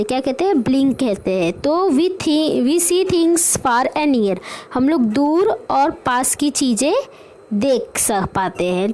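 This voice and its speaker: A woman teacher with an Indian accent explaining a textbook story to children, reading English lines slowly and then explaining them in Hindi. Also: sits high, darkish tone, poor audio. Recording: faint background noise.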